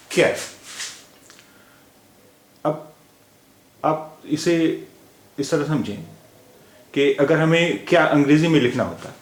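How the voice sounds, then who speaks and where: Slow, patient male language teacher. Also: a little high, a little mellow. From India. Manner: patient, repeats each sound many times. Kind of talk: slow explanatory lesson. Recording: echoey room.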